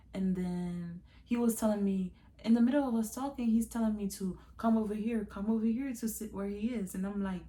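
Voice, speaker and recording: A woman's voice: mid-range voice, dark tone. A young woman vlogger chatting candidly to viewers in a casual storytime confession, calling them y'all.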